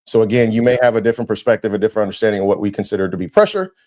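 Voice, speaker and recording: A man hosting a podcast, chatting casually and telling lively stories, dropping "man" often. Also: on the low side. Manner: animated storyteller, quick, slangy, says "man" a lot. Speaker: podcast host.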